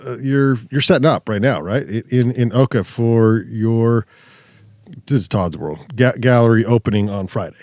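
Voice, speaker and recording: A male podcast host who jokes around and rambles, stopping to correct himself as he goes. His pitch sits in an ordinary middle range. He is close to a studio mic, with a dry sound and no echo. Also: normal speed, darkish tone. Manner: jokey, rambling, self-correcting. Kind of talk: casual chat.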